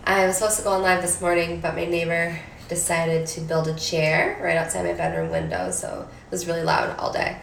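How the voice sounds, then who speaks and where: A woman's voice: lowish voice, lively intonation, fairly quick, creaky, hardly any pauses, echoey room, recorded from a distance, slight background noise. A woman coaching on manifestation in a casual live stream, chatty and upbeat with casual swearing, her voice nasal from a cold.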